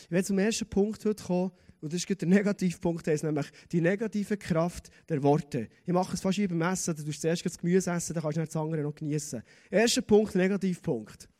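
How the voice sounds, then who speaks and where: High-voiced preacher. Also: male voice, fairly quick, few pauses. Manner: lively preaching, reads scripture with acted voices. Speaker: pastor. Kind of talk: sermon.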